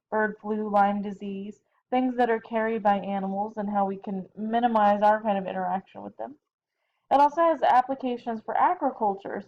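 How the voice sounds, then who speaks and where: Recording a lecture from home, a woman biology teacher sounds tired and yawns as she talks in a chatty way, with a dark, mid-range voice. She corrects herself and throws in casual asides, and the home recording is dull and lo-fi with faint noise.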